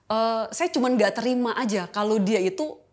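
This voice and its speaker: A woman's voice: on the high side, expressive, moderate pace, darkish tone. A middle-aged woman sharing a personal testimony as an interview guest, talking candidly and emotionally in a loose, colloquial way. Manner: candid and emotional, colloquial with frequent filler tags. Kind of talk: casual interview chat.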